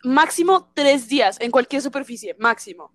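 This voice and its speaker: A woman's voice: high voice, animated, moderate pace, fairly bright tone, no echo. A young woman, co-hosting a casual podcast chat in a skeptical, matter-of-fact way. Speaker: podcast co-host.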